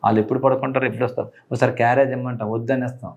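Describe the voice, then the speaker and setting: A middle-aged man, a police officer, talking earnestly in an interview and rising high in pitch when he stresses a point. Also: flat delivery, very fast, muffled recording. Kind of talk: casual interview talk.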